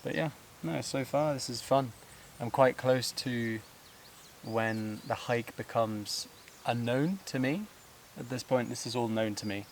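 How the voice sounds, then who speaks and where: Climbing a steep path outdoors, a vlogger talks to the camera in an unhurried, mid-range voice, breathless and loosely rambling with fillers and laughs. Insects buzz in the background, and there's a little hiss or hum.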